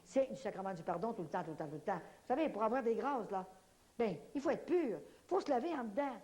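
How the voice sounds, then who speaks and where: A woman with a Québécois French accent giving a spoken religious testimony to an audience, telling her story in an animated, folksy way full of little fillers. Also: mid-range voice, fast talker.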